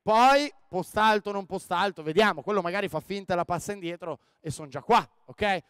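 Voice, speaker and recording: A man running a basketball coaching clinic on the court, directing players with quick commands and frequent "ok?". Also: high-pitched, a bit bright, clean tone, no echo. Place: indoor sports hall.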